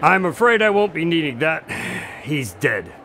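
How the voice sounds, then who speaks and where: A man playing an earnest, exasperated doctor and detective's sidekick in an audio drama, animated, incredulous and sarcastic. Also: fairly high pitch, a little slow, noisy background. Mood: urgent, concerned.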